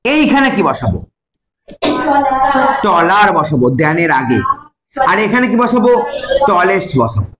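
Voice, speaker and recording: A man's voice: sits high, big pitch swings, roomy sound, over a noisy crowd. A male English teacher, teaching grammar in a classroom style, stretching key words and quizzing pupils. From Bengal. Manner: drawn-out, sing-song stretching of key words, asks pupils questions. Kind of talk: classroom lesson explaining grammar.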